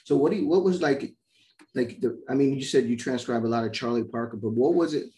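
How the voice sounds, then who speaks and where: A middle-aged man from Miami, a trumpet player, telling animated stories in casual conversation over a video call. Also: medium pitch, a little fast. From Miami, Florida. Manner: animated storyteller, acts out quoted voices. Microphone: video call mic.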